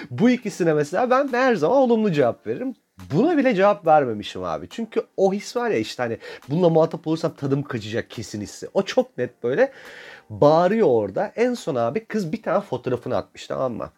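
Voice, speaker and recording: A man in his thirties from Turkey vents in a loose, profane monologue. His fairly high voice swings widely up and down as he rants and mocks himself, with laughter breaking in between. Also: very animated, fast talker, a little mellow. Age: 30s. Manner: ranting, profane, self-mocking. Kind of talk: casual monologue.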